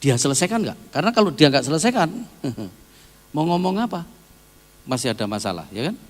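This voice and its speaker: In a church seminar hall with long reverb, a male pastor with a slightly high, fairly quick voice preaches a conversational sermon. He tells lively stories and tosses tag questions out to the congregation.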